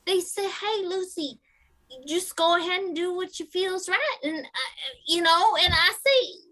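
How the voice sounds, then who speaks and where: A woman's voice: extremely high pitch, measured pace, pushed and bright, exaggerated voice. A woman playing a rambling octopus-talking eccentric. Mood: chatty. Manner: rambling, chatty. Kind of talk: improv comedy.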